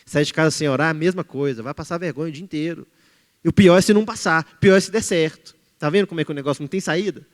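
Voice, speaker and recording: A Brazilian man preaching a sermon in a church, shifting between loud exhortation and hushed pleading. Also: a little high, racing. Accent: Brazilian Portuguese. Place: church hall. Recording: reverberant church hall.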